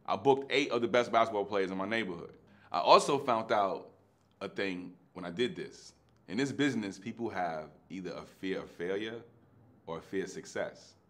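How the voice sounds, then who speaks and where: A middle-aged man, an actor telling his own story in a lively way. He acts out the dialogue in street slang and swings between hushed and loud delivery. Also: lowish voice, moderate pace. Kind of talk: animated anecdotal storytelling.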